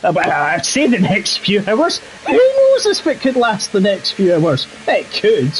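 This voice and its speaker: A man's voice: high voice, wildly swooping pitch, measured pace, background noise. A man hosting and commentating a sim racing league stream, playful and showman-like with rambling asides. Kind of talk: live-stream race commentary.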